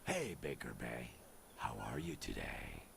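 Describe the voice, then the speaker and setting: An actor playing a menacing gang thug who taunts and threatens in a gravelly voice. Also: male voice, huge pitch swings, unhurried, a bit bright, a little hiss or hum, heavily acted. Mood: mocking. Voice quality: gravelly, very deep.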